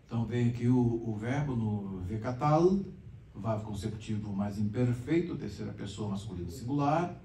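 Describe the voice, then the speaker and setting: A man's voice: lowish voice, expressive, moderate pace, mellow, a little hiss or hum. A man with a Brazilian accent teaching a conversational Bible class, explaining and asking the class questions. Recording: echoey room, mic far off.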